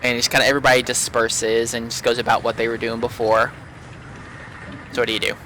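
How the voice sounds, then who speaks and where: A man's voice: mid-range voice, level tone, pushed and bright. A man narrating as game master in a tabletop pirate game, often restarting and repeating words. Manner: halting, repeats words while describing. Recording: noisy home recording.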